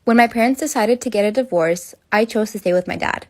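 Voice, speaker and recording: A young woman narrating a personal story in a steady, read-aloud delivery. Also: medium pitch, brisk.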